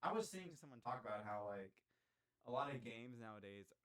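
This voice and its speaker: A man co-hosting a casual gaming podcast, talking in opinionated, animated tangents. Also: mid-range voice, brisk. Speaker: podcast co-host. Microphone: studio podcast mic.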